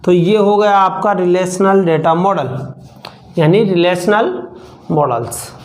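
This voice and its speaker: A male computer teacher, dictating a lesson slowly and repeating each phrase so students can write it down. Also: high-pitched, poor audio. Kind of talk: slow dictation-style lesson.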